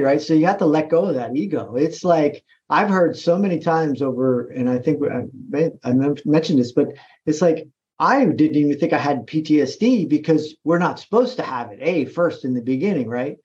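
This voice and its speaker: Halting male veteran, muffled recording. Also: fairly high pitch, animated, a little mellow. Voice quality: halting, full of restarts and "like". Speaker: military veteran guest. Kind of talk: casual interview conversation.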